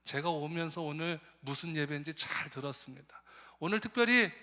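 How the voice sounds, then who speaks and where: A man playing a dazed foreign missionary who speaks halting, eager Korean in a high voice, told within a sermon. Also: animated, bright, forceful tone. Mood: cheerful. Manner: halting, eager, high-pitched broken speech. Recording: long church hall reverb.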